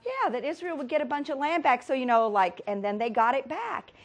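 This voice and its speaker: Woman teaching bible study, bit high voice, quizzes the class, laughs a lot. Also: expressive, fairly quick. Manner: quizzing, upbeat, laughs easily. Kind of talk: classroom Bible lesson with questions.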